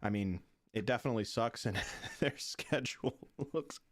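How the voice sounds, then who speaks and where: A man's voice: mid-range voice, moderate pace, no room sound. Guy co-hosting a sports podcast, rambly, loose and jokey, dry close mic. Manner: rambling, restarts, playful groans. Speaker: podcast co-host. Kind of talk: casual sports chat.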